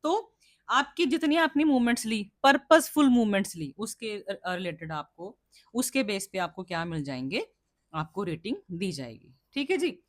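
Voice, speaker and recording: A woman's voice: mid-range voice, expressive, moderate pace, no room sound, studio quality. A woman teacher explaining teaching skills to trainee teachers, who often asks questions and answers them herself and checks that the class understands. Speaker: teacher educator.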